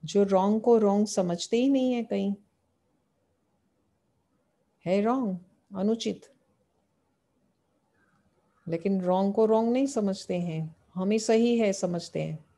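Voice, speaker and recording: A woman's voice: mid-range voice, unhurried, pauses often, warm tone. A woman giving a devotional sermon. She asks rhetorical questions, answers them herself, and repeats key phrases as she explains the teaching. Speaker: spiritual teacher.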